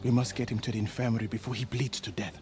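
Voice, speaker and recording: An actor voicing an urgent soldier in a video game, hurried and grave. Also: male voice, mid-range voice, level tone, close to an everyday voice. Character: urgent soldier reporting a stabbing. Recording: game audio under loud music.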